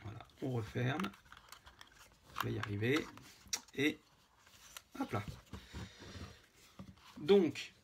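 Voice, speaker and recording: Male crafter, creaky voice, halting friendly show-and-tell, noisy background. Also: medium pitch, sing-song. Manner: hesitant, many fillers, chatty asides to viewers. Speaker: scrapbooking vlogger.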